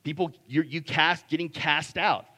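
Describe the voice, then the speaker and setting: The speaker is a pastor whose deep voice comes across as bright and forceful at a moderate pace. He preaches conversationally, restarting often, repeating words, and frequently checking in with "right?"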